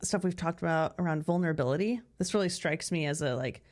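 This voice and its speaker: Speaking quickly in a low, darkish voice, this podcast co-host keeps the conversation relaxed and reflective. "Like" turns up constantly as she talks.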